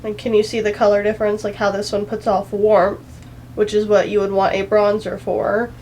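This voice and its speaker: A woman's voice: medium pitch, a little hiss or hum, poor audio. Chatty young woman giving a makeup tutorial. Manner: chatty, self-deprecating, rambling with asides. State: anxious, a little out of breath. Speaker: beauty vlogger.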